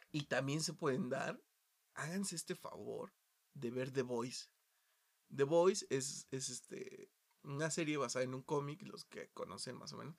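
Animated swearing Mexican man. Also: mid-range voice, gravelly. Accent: Mexican Spanish. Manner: animated, swearing, jumps from quiet asides to loud outbursts. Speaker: podcast host. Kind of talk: casual podcast chat.

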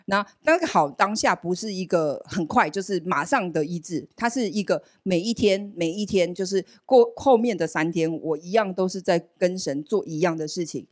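A woman giving a personal testimony at a church service, telling her story in an animated way and acting out the dialogue she quotes. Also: lowish voice, moderate pace, few pauses, dry recording, studio quality. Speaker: church member sharing a testimony.

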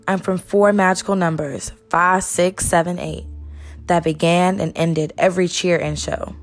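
A young woman from Texas performing a rhythmic, expressive spoken-word poem. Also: fairly low pitch. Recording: soft music behind voice.

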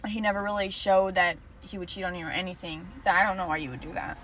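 A woman's voice: on the low side, fairly even intonation, quick pace, a bit bright, a little hiss or hum. A young woman co-hosting a casual chat, frank and emphatic in her opinions. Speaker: co-host.

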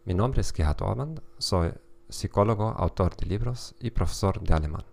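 Male podcast host, native German with German accent, very low gravelly voice, careful scripted delivery. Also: lively intonation, normal speed, darkish tone.

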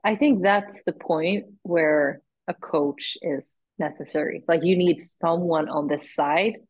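A young woman, a guest athlete chatting casually and telling an animated story with acted-out dialogue. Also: lowish voice, takes it slowly, husky, lo-fi sound. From Sweden. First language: Swedish. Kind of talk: casual chat.

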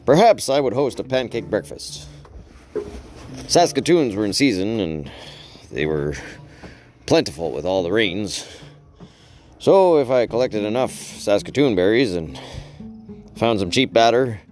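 A man narrating a wry first-person story in a dry, deadpan way, with long drawn-out pauses. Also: fairly low pitch.

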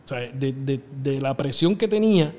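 A middle-aged man with a Puerto Rican accent, telling lively stories as a wrestling booker in an interview, acting out voices and laughing often. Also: mid-range voice, normal speed. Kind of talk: animated storytelling interview. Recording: long reverb in the room.

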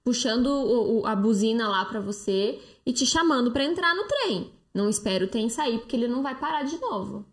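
A Brazilian woman with a high voice speaks into a phone held close during a live stream. She talks in a chatty, persuasive way, answering viewer comments and sprinkling her speech with fillers. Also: expressive, brisk, hardly any pauses. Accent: Brazilian Portuguese. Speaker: live-stream host, detox coach.

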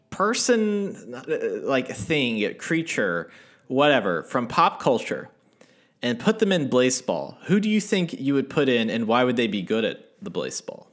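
A man co-hosting a laid-back podcast, chatting in a bright, forward tone. His pitch moves a lot as he explains things. He wanders through his points with lots of fillers and restarts. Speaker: podcast co-host. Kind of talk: casual podcast chat.

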